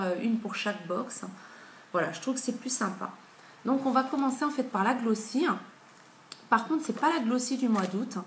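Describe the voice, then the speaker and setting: A beauty vlogger in her thirties gives a casual product review, chatting in a relaxed way and often pausing on fillers. Her pitch is middling, and a camera mic picks her up in an echoey room at home with faint noise in the background.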